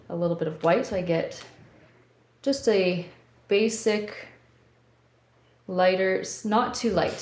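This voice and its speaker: A woman with a Canadian accent, a painting instructor talking through each brushstroke in a relaxed, step-by-step way. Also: on the low side. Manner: relaxed, thinking aloud while working. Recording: roomy studio with faint background hum.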